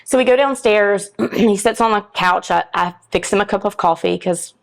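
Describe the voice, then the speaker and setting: A middle-aged woman appears as a podcast guest, telling a personal story candidly and frankly while acting out what people in it said. Her voice is mid-range and creaky, at normal speed, and the audio is poor.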